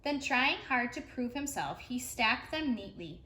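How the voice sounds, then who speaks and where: This preschool storyteller reads a rhyming picture book in a slightly high, sharp-toned voice, unhurried and full of expression. The space sounds roomy, and there's a low level of background noise.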